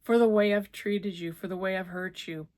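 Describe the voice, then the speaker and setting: A woman's voice: on the low side, unhurried, vocal fry, a little mellow. A woman voicing a distraught young woman who pleads tearfully in a raised voice. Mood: pleading.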